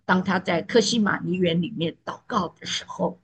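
A woman preaching a sermon in an earnest, emphatic way, sometimes sinking to a soft pleading tone. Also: fairly low pitch, moderate pace, breathy edge.

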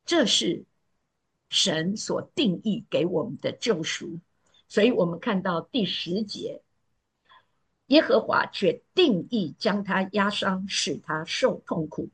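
A woman preaching a sermon in an earnest, emphatic way, sometimes sinking to a soft pleading tone. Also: medium pitch, big pitch swings, slow, husky.

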